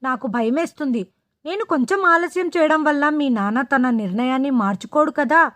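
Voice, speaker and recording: A woman voicing a worried young husband who is asking for a divorce, in a hurried, pleading way. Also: sits high, a bit bright, no room sound.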